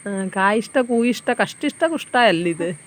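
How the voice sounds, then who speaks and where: Teasing mother with an unhurried voice. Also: mid-range voice, animated, crowd noise. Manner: playful, teasing, bossy game-giver. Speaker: mother quizzing her daughter in a game. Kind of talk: casual family chat.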